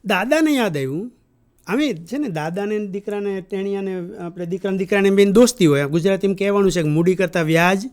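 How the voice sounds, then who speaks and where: A man with a notably high voice gives a training lecture to farmers. He tells stories and keeps asking his listeners questions to pull them in. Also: brisk, a little mellow. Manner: storytelling with rhetorical questions to the audience. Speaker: agriculture trainer. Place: training hall.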